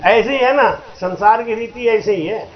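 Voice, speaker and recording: A man giving a storytelling sermon at a satsang, acting out characters in folksy dialogue and breaking into slow sung verses. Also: high voice, crowd noise. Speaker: spiritual teacher giving a satsang discourse. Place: religious gathering hall. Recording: roomy, dull lo-fi recording with faint noise.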